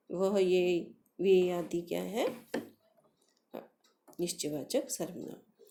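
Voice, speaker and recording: A woman's voice: mid-range voice, dark tone. A woman teaching a grammar lesson to schoolchildren, patiently asking questions and answering them herself, calling the pupils dear. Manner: addresses pupils affectionately. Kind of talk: Hindi grammar lesson for children.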